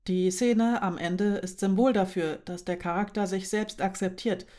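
A woman's voice: medium pitch, steady tone, moderate pace, mellow, natural voice. A woman voicing Linoschka, a shy, dreamy young woman who speaks hesitantly and carefully.

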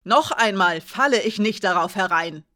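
A woman voicing a young female soldier held captive, speaking in a sharp, accusing, bitter way. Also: medium pitch, moderate pace, lightly acted. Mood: angry.

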